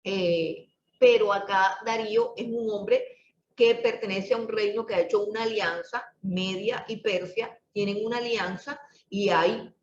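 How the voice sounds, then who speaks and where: A woman teaching a Bible study lesson, slow and emphatic, repeating key words for stress. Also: medium pitch, fairly even intonation. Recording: distant, echoey, muffled room recording with faint noise.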